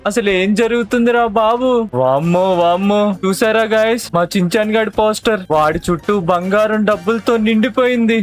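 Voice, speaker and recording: A man voicing an anxious, exclaiming cartoon character in role-play. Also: sits high. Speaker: narrator and lead voice.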